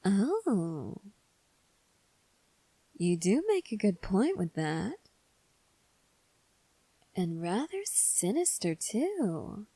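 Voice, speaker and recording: Lady doing an asmr roleplay as a cynical crook woman, slow taunting threats, super dry close sound. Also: medium pitch, sing-song, warm tone, slightly rough, no room sound, heavily acted. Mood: amused, taunting. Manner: sardonic, teasing, unhurried. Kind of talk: ASMR role-play.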